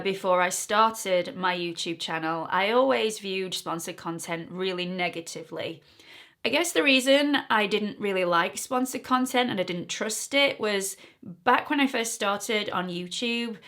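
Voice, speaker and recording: A woman's voice: medium pitch, a bit bright. A woman, a beauty YouTuber and esthetician talking earnestly to camera in a casual vlog, openly nervous and emotional.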